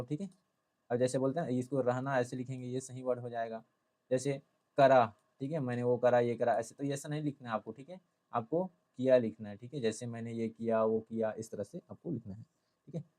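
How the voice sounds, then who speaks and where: Male Hindi tutor, mid-pitched, patient step-by-step classroom explainer. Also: fairly even intonation, brisk, mellow. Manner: explanatory, repeats "theek hai" often. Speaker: Hindi teacher. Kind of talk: classroom-style lesson.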